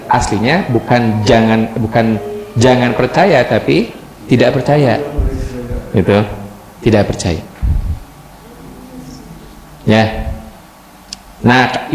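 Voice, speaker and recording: A man teaching Quran recitation rules in a mosque class, explaining patiently and chanting example verses slowly. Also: mid-range voice. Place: mosque hall. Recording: echoey hall, crowd behind.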